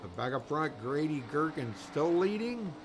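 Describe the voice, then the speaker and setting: A man's voice: a little high, sing-song, moderate pace, noisy background. A man doing live race commentary in a rambling, folksy way, full of fillers. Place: commentary booth at a racetrack.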